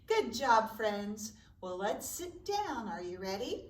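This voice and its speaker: A children's librarian hosts a sing-song preschool story time with songs and read-aloud, using simple, encouraging phrases for young children. Her voice is on the high side, sing-song, and slow. The recording has a roomy echo and a distant microphone.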